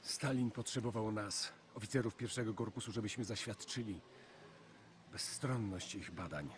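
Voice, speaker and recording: Low-voiced, guilt-ridden army major played by a man. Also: moderate pace, a little hiss or hum, natural voice. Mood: grave. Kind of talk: film drama acting.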